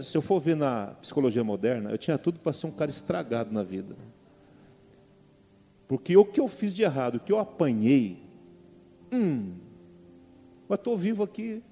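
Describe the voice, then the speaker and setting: A man's voice: on the high side, dark tone. A middle-aged man with a Brazilian Portuguese accent preaching a sermon as pastor, calling out to the congregation with repeated questions. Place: church hall. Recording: long hall reverb with faint music.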